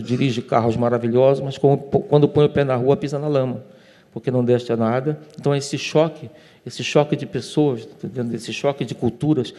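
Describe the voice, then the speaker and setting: Panel writer, dark mellow male voice, emphatic lists, hall echo. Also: mid-range voice. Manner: listing, emphatic, with stumbles. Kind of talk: panel talk. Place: auditorium at a literary event. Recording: long hall reverb.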